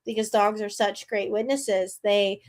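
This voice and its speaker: A woman's voice: medium pitch, fairly even intonation, unhurried, low-quality recording. A woman in her fifties telling her own story with candor and animation in a casual interview. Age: 50s.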